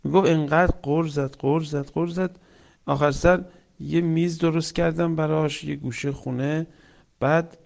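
A man preaching a sermon with stories, swinging between loud emphatic lines and soft hushed ones, reciting Quranic verses. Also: fairly high pitch, steady tone, creaky. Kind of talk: religious sermon with storytelling.

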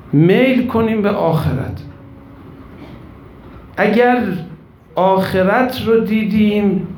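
A man's voice: high voice, darkish tone, a little hiss or hum. A man preaching a religious sermon, telling a mourning story with passion and speaking directly to the women in his audience. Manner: impassioned storytelling, addresses women listeners directly. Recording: echoey room with faint ambience.

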